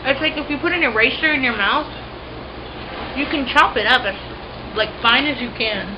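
High-voiced young woman talking while snacking. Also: measured pace, distant mic. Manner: chatty, giggly, rambling. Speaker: vlogger. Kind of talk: casual chat. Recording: echoey lo-fi room recording, loud background noise.

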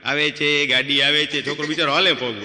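A man's voice: a little high, steady tone, fairly quick, sharp tone. A man doing stand-up comedy, telling funny stories and acting out the people in them. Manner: storytelling, acting out quoted people. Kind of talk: live stand-up joke telling. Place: stage before an audience. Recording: live stage recording with long reverb.

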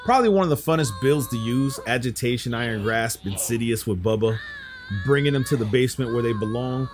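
A man's voice: medium pitch, fairly quick. Cocky, taunting man over game noise. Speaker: gaming streamer playing as the killer. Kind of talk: gameplay commentary with taunting.

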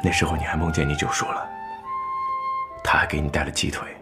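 A young actor playing a calm, reserved young nobleman who speaks in a steady, measured way in a period TV drama. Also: rumbling low, over loud music. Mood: fond. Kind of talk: dubbed TV drama dialogue.

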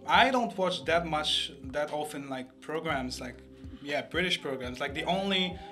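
A man's voice: on the high side, animated, a little slow, music in the background. Algerian man with a hesitant, laughing voice. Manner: hesitant, many restarts, laughs often. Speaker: podcast host, English teacher. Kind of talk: casual interview chat.

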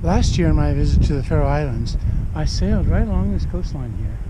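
A man's voice: fairly high pitch, brisk. An older man filming himself on a sailboat, casually explaining his rigging and the coastline to the camera. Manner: relaxed, explains sailing gear step by step. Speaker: solo sailor vlogger. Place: outdoors on a sailboat deck and rocky coast. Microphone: action camera held at arm's length. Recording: loud wind noise on camera mic. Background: wind and water noise.

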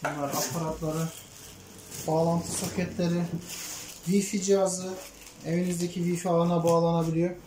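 A woman's voice: fairly low pitch, level tone, moderate pace, long pauses. A woman installer casually explaining a product unboxing as she handles the equipment. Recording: roomy, distant, noisy recording.

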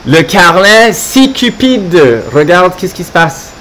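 A man reads a children's storybook aloud on a live stream, in a slightly higher, very animated voice. He takes his time and breaks off often to explain words to young learners. His delivery is playful and expressive. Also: slow, slight background noise. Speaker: French teacher for children.

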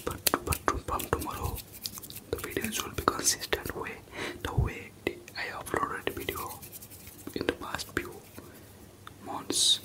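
An ASMR host doing fast, aggressive whispering, repeating words in quick bursts close to the mic.

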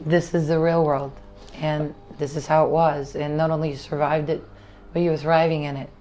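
A woman interviewer speaks in a very low, steady, mellow voice. She sounds reflective and admiring, with faint noise in the background. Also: normal speed. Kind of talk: earnest interview talk.

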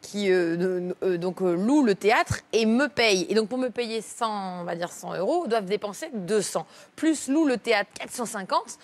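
A woman comedian telling a funny anecdote as a talk show guest, laughing often and acting out the people in her story. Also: medium pitch. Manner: lively, laughs often, acts out quoted voices.

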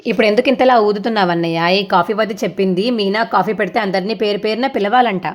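A woman's voice: medium pitch, fast, natural voice. A woman voicing a teasing, sarcastic young man. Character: mocking playful young man, joker son.

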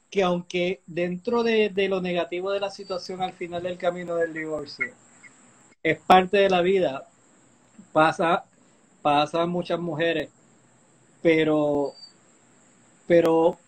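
A man hosts a casual livestream interview over a phone connection, his voice pitched very high for a man. He is eager and admiring, and he often jumps in with comments and questions. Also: unhurried, long pauses, rough recording. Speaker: host. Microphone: phone on a live video call.

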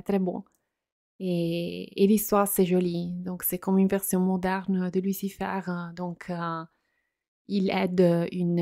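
Woman doing soft asmr chat, flat gravelly voice, lots of ums, non-native french, dry close sound. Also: on the low side, no echo. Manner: hesitant, many fillers and restarts. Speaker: ASMR channel host.

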